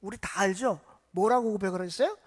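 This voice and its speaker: A woman pastor preaching a sermon in an animated storytelling manner, often asking the congregation questions. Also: mid-range voice, brisk, slightly rough.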